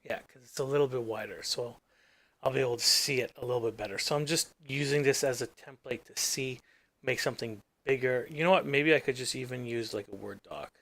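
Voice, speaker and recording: A man with a mid-range, creaky, slightly bright voice speaks briskly in a recording with no echo. He hosts his own gaming channel, a native English speaker thinking aloud over his screen in casual commentary, rambling and trailing into mumbles.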